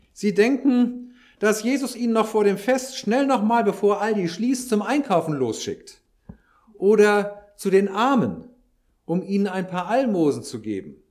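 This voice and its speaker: Male preacher, sermon delivery, unhurried, explains with dry asides. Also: sits high, a little mellow. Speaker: pastor.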